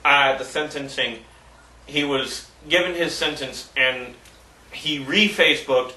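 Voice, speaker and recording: A man's voice: medium pitch, a little slow, pushed and bright, far from the mic. A male co-host on a comedy talk show, telling news stories and putting on mock indignation. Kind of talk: casual comedic banter. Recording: echoey room, off mic.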